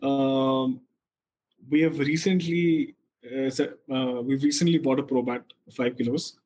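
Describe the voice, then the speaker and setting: A man's voice: mid-range voice, fairly even intonation, unhurried, dark tone, a little hiss or hum, rough recording. A man with a North Indian accent talking casually as an interview guest, telling things in a reflective, hesitant way. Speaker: guest, coffee roaster.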